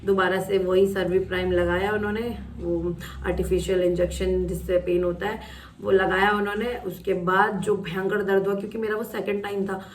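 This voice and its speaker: A young woman vlogger casually telling a personal story, acting out the voices and shouts of the people in it. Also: mid-range voice, moderate pace, far from the mic, slight background noise. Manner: animated, acts out quotes and shouts in retelling. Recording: roomy echo, voice off-mic.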